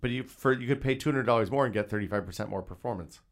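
A man's voice: mid-range voice, rapid-fire. A man co-hosting a casual tech podcast, making wry jokes. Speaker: podcast co-host.

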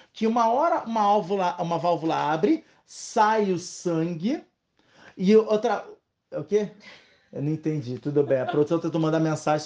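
A man with a Brazilian Portuguese accent teaching a casual weekly Torah lesson, telling stories in a lively, joking way. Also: high voice.

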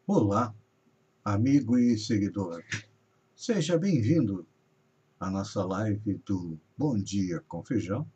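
A man's voice: on the low side, expressive, slow pace, warm tone, a little hiss or hum. A man from Brazil hosting a live news show, reading regional headlines and stories with rising emphasis. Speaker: news host. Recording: dull lo-fi audio.

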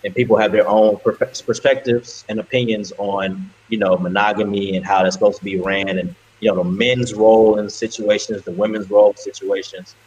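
A man's voice: fairly low pitch, little pitch movement, brisk, few pauses, a little mellow, lo-fi sound, a little hiss or hum. A man on a casual podcast introducing a topic hesitantly, full of "you know". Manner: hesitant, lots of fillers. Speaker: co-host.

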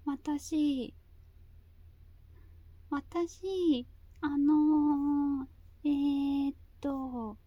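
A woman talking casually and haltingly in a cutesy anime-girl voice, often repeating herself as she searches for words. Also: high voice, fairly even intonation, no room sound, lo-fi sound. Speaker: video host. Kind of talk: slow casual monologue.

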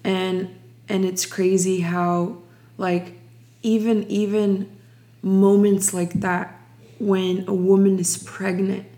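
A woman's voice: medium pitch, flat delivery, dark tone. A young woman from Ukraine sharing her personal faith testimony in an interview, reflective and full of restarts. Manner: slow, reflective, many restarts.

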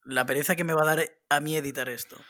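Podcast cohost, higher voice, jokes all deadpan and formal. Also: male voice, fast. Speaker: podcast co-host. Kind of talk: casual chat.

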